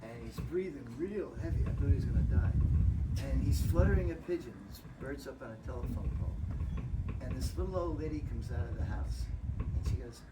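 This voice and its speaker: A man's voice: mid-range voice, a little fast. An older man giving a laughing, anecdotal talk at a club gathering. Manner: lively, laughing storyteller. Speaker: club speaker. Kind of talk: anecdotal after-dinner talk. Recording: distant mic, loud background noise.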